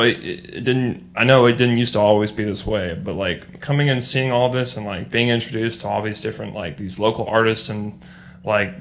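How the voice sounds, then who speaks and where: A man's voice: lowish voice, fairly bright tone, a little hiss or hum. A man hosting a casual podcast, talking in a slangy, sweary and very informal way. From small-town United States. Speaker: podcast host.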